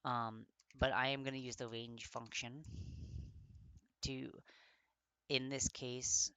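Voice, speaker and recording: Halting, tongue-tied man teaching code. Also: mid-range voice, flat delivery, bright, forceful tone, clear, resonant tone, no echo. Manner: halting, gets tongue-tied and corrects himself; thinks aloud with many fillers. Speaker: coding tutor. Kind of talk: casual screen-recorded coding walkthrough.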